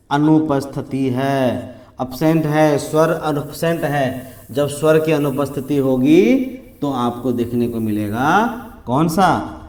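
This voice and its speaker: A man's voice: fairly high pitch, a little mellow, roomy sound. A man teaching Hindi grammar in a lecture. He asks questions and answers them himself, repeats key words and voices the students' objections. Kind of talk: classroom lecture.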